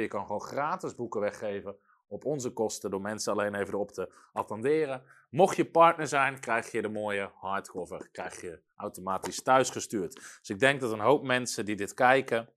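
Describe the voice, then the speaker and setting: A man preaching a broadcast sermon, teaching with energy and slowing down to read scripture. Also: fairly low pitch. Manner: animated teaching, slows for scripture readings.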